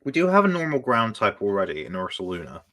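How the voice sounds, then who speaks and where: A man's voice: fairly low pitch, big pitch swings, fast, a bit bright. A man hosting a casual live stream, chatting and often restarting his sentences. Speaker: streamer host.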